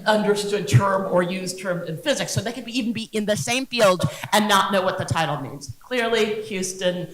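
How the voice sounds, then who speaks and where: Woman, science communication lecturer; witty, theatrical delivery with quick asides; medium pitch; echoey lecture room. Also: slight background noise. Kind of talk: humorous workshop talk.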